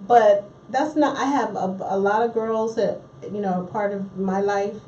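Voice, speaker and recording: Married woman guest, chatty and reflective, mellow voice, heard from across a roomy space with faint ambience. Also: medium pitch, fairly even intonation, unhurried, far from the mic, muffled recording, a little hiss or hum. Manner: chatty, reflective, laughs easily. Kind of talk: casual chat.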